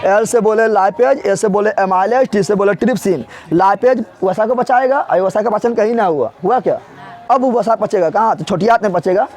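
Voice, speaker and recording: His voice is high with a darkish tone, moving at a moderate pace. In a classroom with a board, this teacher conducts call-and-response drills, asking each question and repeating its answer several times in everyday speech marked by Bihari turns of phrase.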